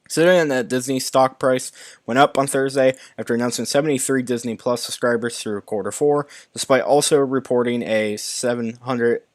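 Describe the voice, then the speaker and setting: A man's voice: medium pitch, normal speed, dry recording, studio quality. Stumbling young man reading movie news. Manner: stumbling, restarting words, reading articles aloud. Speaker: YouTube movie news host. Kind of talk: live-stream news reading and commentary.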